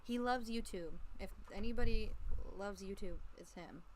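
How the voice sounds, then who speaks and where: A woman's voice: medium pitch, moderate pace, a little mellow, a little hiss or hum. Giggly, chatty young woman vlogger. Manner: giggly, chatty, laughs often. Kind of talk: casual chat.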